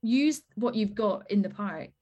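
A woman with a medium-pitched, ordinary voice who gives hands-on advice as a guest. She explains things step by step in a relaxed way, often with fillers like "um" and "like". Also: a little slow, dull audio. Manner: practical, explanatory, many fillers like "like" and "um". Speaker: dog trainer guest. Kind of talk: casual chat, giving advice.

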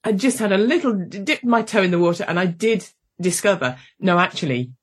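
A woman's voice: mid-range voice, animated, fairly quick, breathy edge. A British woman hosting a podcast interview, chatting casually with frequent restarts and laughs. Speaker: podcast host.

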